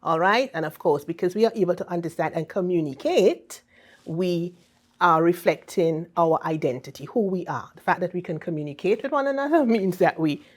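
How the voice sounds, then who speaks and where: A woman's voice: on the low side, moderate pace. A woman from Saint Vincent and the Grenadines with a Vincentian accent, explaining things in an interview in an emphatic, teacherly way with frequent checking tags. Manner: teacherly, emphatic, often checks with "okay?" and "right?". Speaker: ambassador being interviewed.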